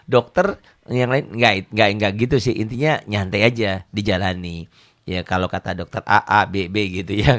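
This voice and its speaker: A middle-aged man, teaching Quran reading in a casual, joking way, often repeating words and reciting verses slowly. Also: lowish voice.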